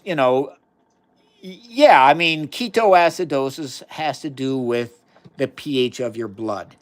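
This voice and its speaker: A man hosting a live chemistry demonstration, explaining experiments casually and enthusiastically while reading viewer chat aloud. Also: medium pitch. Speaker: science livestream host.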